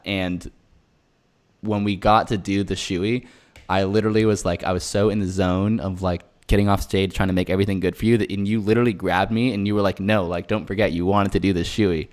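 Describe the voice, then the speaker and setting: Low-voiced enthusiastic interview host. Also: male voice, steady tone, brisk. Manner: enthusiastic, laughs a lot, uses "like" often. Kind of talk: casual interview chat.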